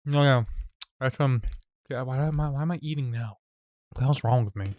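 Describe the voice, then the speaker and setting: Young guy rambling on a podcast mic, smooth voice, dead dry sound. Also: mid-range voice, brisk, a little mellow, no echo. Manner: rambling, lots of fillers and restarts. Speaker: podcast co-host. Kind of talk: casual chat.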